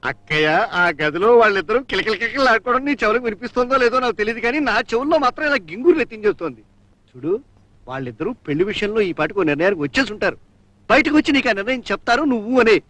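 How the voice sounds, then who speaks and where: A man's voice: high voice, big pitch swings, very fast, sharp tone, no echo, heavily acted. An actor playing a scheming, blustering middle-aged father in a comic film role, who keeps repeating a pet word. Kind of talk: 1970s Telugu film acting.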